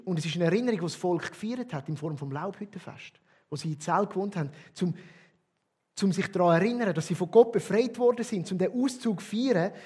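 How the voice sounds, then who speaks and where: A man with a Swiss German accent preaching a sermon as a pastor, emphatic, with loud stresses and quiet drops. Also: high voice, husky.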